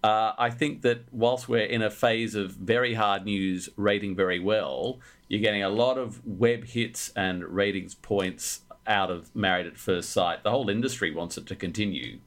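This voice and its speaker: A man's voice: lowish voice, fairly even intonation, normal speed, hardly any pauses. A man giving considered commentary as a panelist in a media discussion.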